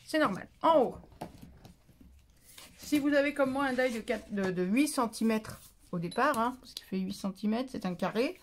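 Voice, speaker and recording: With a slightly high voice and lively intonation, a papercraft tutorial maker explains her craft at normal speed over slight background noise. She chats casually, stumbles and corrects herself, and keeps turning to scold or coo at her cat between steps.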